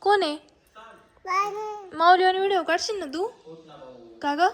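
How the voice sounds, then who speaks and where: A woman's voice: very high voice, unhurried. A woman in a casual home vlog, talking to a small child in a coaxing, sing-song way. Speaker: family vlogger. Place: home, indoors.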